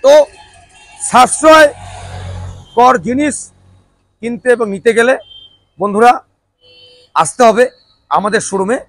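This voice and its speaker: A man giving an emphatic, repetitive promotional sales pitch like an announcer, as a showroom promoter. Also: lively intonation, slow pace, pauses often, fairly bright tone, no echo. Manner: emphatic, repetitive announcer-like delivery with rhetorical questions. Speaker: showroom promoter presenting e-rickshaws.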